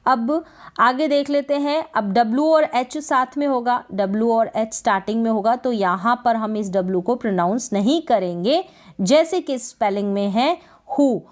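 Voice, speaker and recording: Patient high-voiced woman teaching English pronunciation. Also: moderate pace. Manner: patient, repeats words and asks questions then answers them. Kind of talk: explaining lesson.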